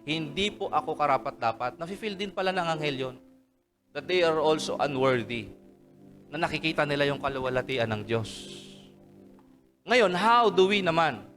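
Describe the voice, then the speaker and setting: A pastor with a Filipino accent preaches to his congregation in a fairly high voice. He moves between English and Tagalog and keeps asking for an "Amen?" Soft music plays faintly under him. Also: lively intonation, moderate pace, long pauses. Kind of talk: sermon. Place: church service hall.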